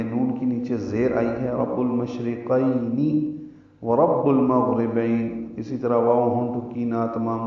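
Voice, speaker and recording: A man teaching Quran recitation rules, methodically sounding out letters and repeating words slowly. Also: medium pitch. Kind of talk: tajweed lesson in Urdu. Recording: very echoey, distant, dull sound.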